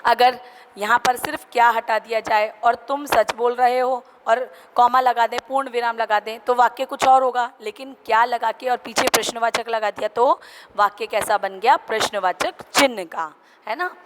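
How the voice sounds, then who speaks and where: Female schoolteacher, lesson voice-over; slightly raised pitch, patient and repetitive, noisy recording with clicks. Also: steady tone. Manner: explains slowly, repeats example sentences, mixes in English words. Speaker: teacher. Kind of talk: recorded Hindi grammar lesson for children.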